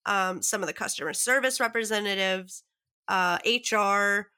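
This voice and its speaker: Nasal, congested woman with a bright voice. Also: mid-range voice, moderate pace, clean tone. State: congested from a cold. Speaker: podcast co-host. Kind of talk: casual chat.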